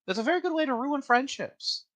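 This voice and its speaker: A man ranting in casual podcast chat, his voice bright and sharp. His pitch swings widely as he swears his way through blunt opinions. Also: expressive, a little fast. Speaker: podcast co-host.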